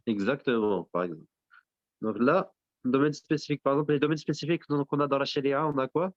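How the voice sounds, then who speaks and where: A man's voice: medium pitch, quick pace, no echo. A male teacher leads a lesson by questioning his students and confirming their answers, sprinkling in Arabic religious terms. His voice sits in the middle range for a man. The recording is dry, with a dull, lo-fi tone. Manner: quizzes the class, repeats and affirms answers. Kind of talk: interactive classroom lesson.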